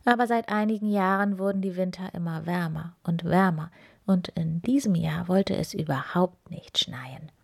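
A woman in a whispered role-play, gently reading a picture book to children. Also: on the low side, gravelly. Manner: slow, gentle, addresses children.

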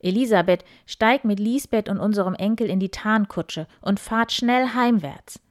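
A woman voicing a grumpy middle-aged count in a children's story, loud and commanding. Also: mid-range voice, moderate pace, dry recording, studio quality, lightly acted.

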